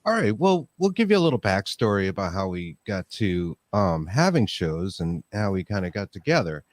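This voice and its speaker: Easygoing lower-voiced male guest, dry sound. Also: very animated, normal speed, no room sound. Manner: friendly, easygoing storyteller. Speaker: guest podcaster. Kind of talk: casual interview talk.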